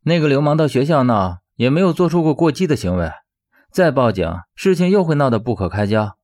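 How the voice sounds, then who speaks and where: A man's voice: mid-range voice, expressive, fairly quick, a little mellow, voice pushed up, lightly acted. A male narrator playing a weary young man who talks in a resigned, sighing way in an audiobook.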